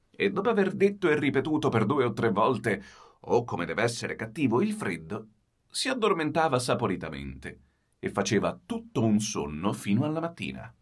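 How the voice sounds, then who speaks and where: A man reading a children's story aloud as narrator, expressive and giving the characters their own lines. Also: fairly low pitch.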